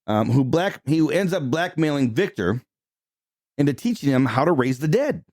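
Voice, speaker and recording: A man's voice: fairly high pitch, big pitch swings, normal speed, a little mellow, dry recording, clean studio sound. Chatty man hosting a movie podcast. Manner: chatty, retelling plot with filler words. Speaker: podcast host. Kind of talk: casual movie recap chat.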